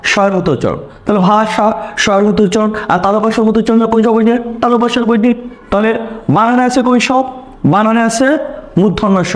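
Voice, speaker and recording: Teacher, male, high voice; repeats points, quizzes the class rhetorically, online lesson. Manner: repeats key points and asks rhetorical questions.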